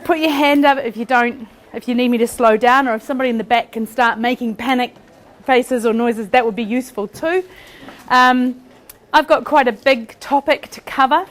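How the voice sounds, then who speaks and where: A woman from New Zealand with a New Zealand accent, giving a fast-talking, chatty and self-deprecating academic conference presentation in a lecture hall. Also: on the high side. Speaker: conference speaker.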